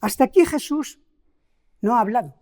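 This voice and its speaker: A middle-aged Spanish woman with a Spain Spanish accent preaches a sermon, putting rhetorical questions to the congregation and leaning on key words. Her voice sits fairly high and sounds animated and warm, moving at a moderate pace.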